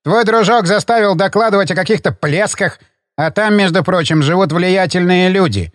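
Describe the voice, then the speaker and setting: A man's voice: sits high, normal speed, no room sound, studio quality, natural voice. A man reading an audiobook, voicing a domineering older hotel owner who barks and bullies. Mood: furious. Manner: barking, bullying, shouting.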